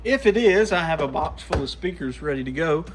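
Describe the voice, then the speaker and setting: Talking a little fast, this vlogger has a fairly high voice with lively intonation, and there's background noise. He works at a repair bench in a small indoor radio workshop, narrating to himself in a laid-back, folksy style.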